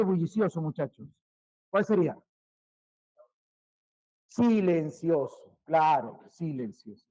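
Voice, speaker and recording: High-voiced man teaching vocabulary. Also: no echo, rough recording. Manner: repeats words, trailing off quieter, asks questions. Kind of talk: vocabulary lesson to students.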